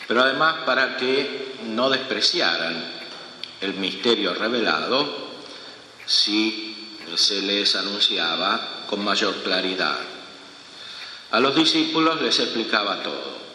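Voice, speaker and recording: Spanish priest, measured and unhurried homily, cathedral echo, faint hum under it. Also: male voice, on the low side, bright, forceful tone. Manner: slow, measured delivery with long pauses. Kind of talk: reading the Gospel and preaching a homily. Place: large church. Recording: long echoing church reverb, faint room hum.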